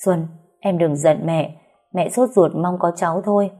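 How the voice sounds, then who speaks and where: A good-natured, easygoing husband who talks in a breezy, casual way, read by a woman storyteller. Her voice stays low and mellow throughout, with faint music behind. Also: a little slow.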